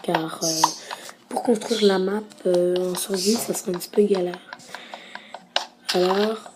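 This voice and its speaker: A woman giving casual gameplay commentary, hesitant and full of filler pauses. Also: fairly low pitch, steady tone. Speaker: gamer. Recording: loud background noise, mouse clicks.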